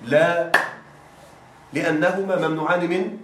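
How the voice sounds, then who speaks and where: A man's voice: on the high side, steady tone, background noise. Man teaching grammar in an echoey room. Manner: quizzes students with fill-in-the-blank prompts; slow, stressed reading of example phrases. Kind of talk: classroom grammar lesson. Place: classroom. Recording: echoey room, distant mic.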